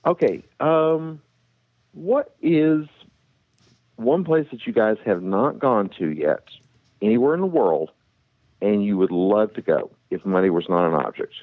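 A man phones in to a call-in show, rambling and hesitant, with jokes along the way. His voice sits very low, and it comes through a thin, dry phone line. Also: lively intonation, a little slow, dry recording. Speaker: caller. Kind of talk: casual phone chat.

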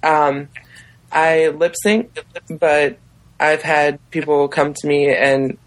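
A man's voice: on the high side, fairly even intonation, takes it slowly, low-quality recording. A man talking casually and informally as a guest on a podcast. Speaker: podcast guest, drag performer. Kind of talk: casual chat.

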